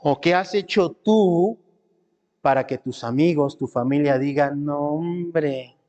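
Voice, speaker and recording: A male pastor delivering a sermon, breaking into high mimicking voices and stretching out phrase endings. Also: expressive, unhurried, mellow, lo-fi sound. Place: church. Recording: reverberant church hall.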